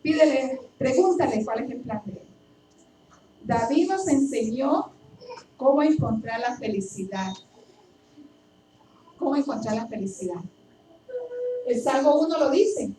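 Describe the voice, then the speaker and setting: Here a woman preaches and shares her own testimony, her high voice warm and expressive, a little slow and full of pauses. Emphatic, often repeated questions run through the sermon, and the sound is echoey and distant with faint noise behind it.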